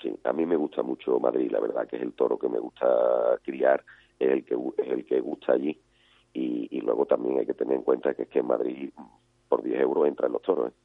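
A man's voice: extremely low pitch, steady tone, brisk, gravelly, no echo. A man, a cattle breeder answering interview questions hesitantly, often repeating words. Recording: dry, phone-like line.

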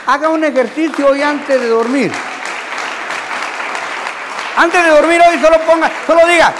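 A man preaching a sermon in a church hall, swinging from loud shouting to quiet asides, calling his listeners "brother" with folksy humor. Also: very high voice, measured pace, background noise. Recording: long hall reverb, faint crowd.

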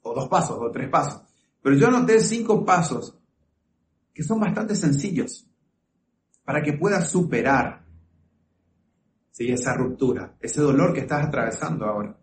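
A man's voice: a little high, expressive, moderate pace, long pauses, slight background noise. Earnest man giving advice. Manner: earnest, coaching, asks listener questions. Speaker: relationship advice speaker. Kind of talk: direct-to-camera advice talk. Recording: echoey room with faint ambience.

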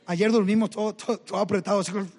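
A man delivers a sermon in a high, husky voice. He is middle-aged and preaches dramatically, acting out scenes and addressing his listeners directly. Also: steady tone, fast, a little mellow.

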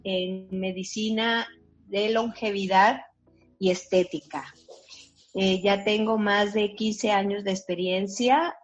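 Older lady doctor, talks real slow, lots of ehs, kinda muffled audio. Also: medium pitch. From Colombia. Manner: slow, deliberate, with many hesitations. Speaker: physician guest.

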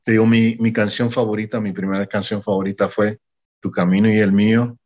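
On a muffled recording, a lowish-voiced man talks a little fast as he recounts episodes from his work as a music promoter. The Mexican speaker is being interviewed and brings his tales to life by acting out who said what.

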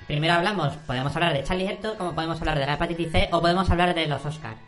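A man's voice: a little high, very fast, a bit bright, faint music behind. A man from hosting a comedy podcast, scolding a guest and repeating himself in exasperation. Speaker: podcast host. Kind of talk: comic podcast banter.

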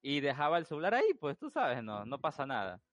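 A young man tells a story to his friends with an animated, slightly high voice. He swears freely. He is recorded close and dry, with no room around him. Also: brisk, no room sound. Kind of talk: casual anecdote telling among friends.

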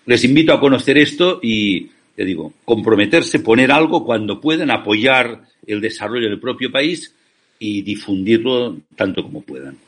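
Earnest, persuasive male interviewee from Spain, husky and mid-pitched. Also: expressive, moderate pace, a bit bright. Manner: passionate, persuasive, rhetorical questions. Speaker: ethical banking founder, interview guest.

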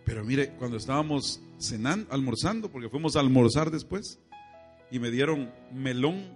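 A man's voice: mid-range voice, normal speed, soft background music. A man preaching an evangelical sermon, telling stories and speaking directly to his congregation. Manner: addresses congregation directly, animated storytelling.

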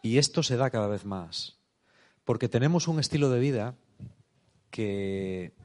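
A man's voice: medium pitch, expressive, mellow. A man giving a thoughtful spiritual talk, often checking in with "eh?" and "no?". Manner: thoughtful, unhurried, tag questions like "eh?" and "no?". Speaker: preacher.

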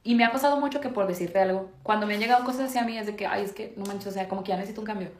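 Speaking very fast in a mid-range voice, a Mexican-accented podcast co-host rambles through stories in casual chat, leaning heavily on fillers. There's a roomy echo on the recording.

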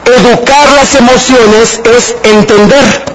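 A Mexican man speaks to a live seminar audience in a fairly high voice. His delivery is conversational, and he keeps putting questions to the room. The recording carries a clear layer of background noise. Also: fairly even intonation, slow pace, low-quality recording. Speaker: motivational speaker.

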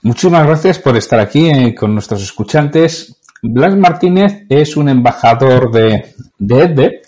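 A man's voice: a little high, darkish tone, husky. Chatty male podcast host. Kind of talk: podcast interview.

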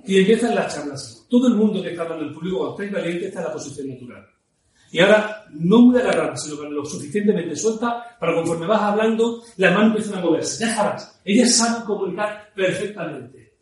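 Male speaking coach, playful and lively, higher voice, heavily echoing hall, distant mic. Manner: lively, playful, swings between loud and soft. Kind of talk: live talk on storytelling. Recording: very echoey room, mic far off, faint noise.

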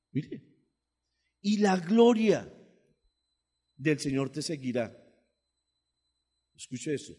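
A male pastor preaching a sermon, swinging from loud, emphatic bursts to low, quiet asides. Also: breathy edge, big-room sound.

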